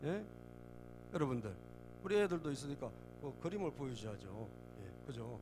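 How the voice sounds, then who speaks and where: A middle-aged pastor delivers a sermon in a church sanctuary at a normal speed, his medium-pitched voice very animated, with music playing in the background. Over and over he prompts the congregation with "예?", and he imitates mocking enemy voices.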